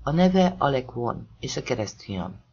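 A man's voice: medium pitch, very animated, darkish tone, slightly rough, dull audio. A man voicing a tense, bitter male private investigator who speaks in a clipped way through gritted teeth.

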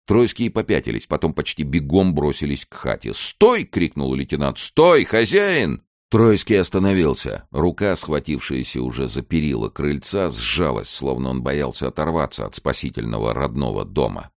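A man reading a novel aloud, voicing every character, with lively delivery that rises sharply for shouted dialogue. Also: extremely low pitch, brisk, gravelly, hardly any pauses, dry recording, clean studio sound. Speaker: audiobook narrator.

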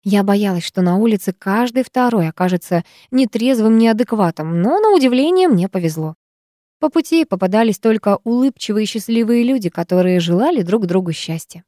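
A woman narrating a first-person audiobook in a lively, expressive manner. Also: mid-range voice, a little fast, dry recording, studio quality. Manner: lively, expressive reading with sharp dialogue.

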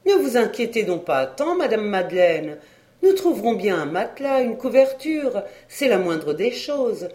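A reader voicing a kind, bustling older woman who talks briskly and reassuringly. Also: medium pitch, big pitch swings, a little mellow.

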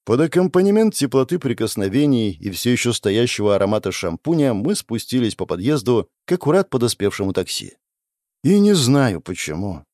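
A man reading a first-person story aloud with expressive narration. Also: mid-range voice, no room sound, studio quality. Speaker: audiobook reader.

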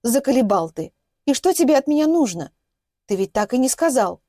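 A woman voicing a scared, defiant young female captive who shouts in hysterical outbursts. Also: high-pitched, very animated, fairly quick, no echo, voice pushed up. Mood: furious.

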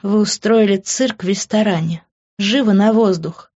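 A jealous young woman tears into someone, her voice high and sharp, done by a woman reading a storybook. The recording is a little dull and lo-fi. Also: expressive, measured pace. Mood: furious scolding. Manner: shrill, scolding. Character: jealous hot-headed young woman, scolding fiancée.

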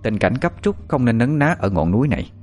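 A man narrating a first-person horror story in a steady, tense way. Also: medium pitch, a little fast, faint music behind.

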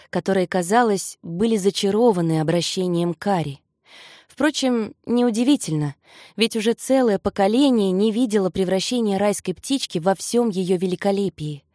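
Mellow-voiced woman reading an audiobook. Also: medium pitch, dry recording, clean studio sound. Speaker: audiobook reader. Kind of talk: scripted narration.

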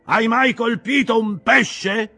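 A man voicing a gruff old whaling captain with a harsh, loud, shouting manner. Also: takes it slowly, soft background music, full character voice. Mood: booming. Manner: booming, exclamatory.

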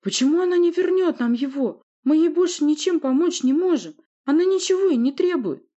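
Audiobook: woman voicing a frantic she-bear, very high and loud, wailing. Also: lively intonation, fairly quick, muffled recording. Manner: wailing, shrill. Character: desperate female bear, frantic and shrill.

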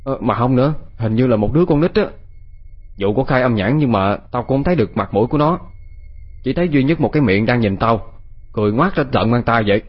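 A man's voice: mid-range voice, expressive, quick pace, husky. A man voicing a nervous teenage boy recounting a ghost sighting, hesitant and full of fillers. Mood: uneasy. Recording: dull lo-fi audio with faint background music.

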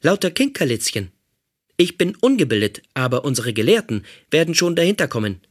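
Man voicing a hostile robot soldier, raised pitch, loud and menacing, husky edge. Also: very animated, a little fast. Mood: mocking. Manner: menacing, accusing, stiff.

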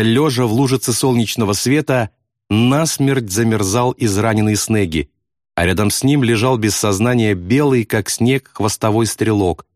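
A man narrating a novel in a steady, vivid literary reading. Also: on the low side, no room sound, studio quality. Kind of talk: audiobook narration.

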